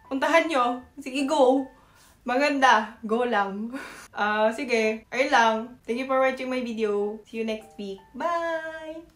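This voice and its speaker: High-voiced young woman vlogging playfully. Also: slow pace, roomy sound, soft background music. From Batangas, Philippines. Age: young adult. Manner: playful, animated, teasing. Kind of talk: casual chat to camera.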